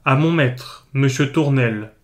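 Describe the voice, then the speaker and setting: A man's voice: mid-range voice, a little slow, close to an everyday voice. A man voicing an old, pious woman servant who answers in dry, clipped replies. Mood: curt.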